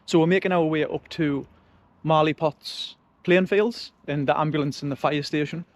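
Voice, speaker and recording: This is a Sunderland-accented man, a local-history vlogger, talking his way through a walking tour of residential streets in easygoing, colloquial dialect. He speaks at a normal speed in a steady tone on the high side, against outdoor street and traffic noise.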